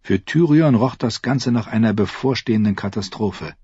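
A man reading a fantasy novel aloud with dramatic, expressive narration. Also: lowish voice, normal speed, slightly rough, dry recording. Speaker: audiobook narrator. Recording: dry, slightly dull audiobook recording.

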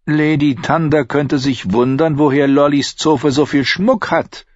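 A male audiobook reader voicing a sardonic, worried nobleman who speaks urgently in a raised, husky voice. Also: a little high, steady tone, unhurried, dry recording, pitched above the performer's own voice. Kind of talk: audiobook character voice. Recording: dull lo-fi dry recording.

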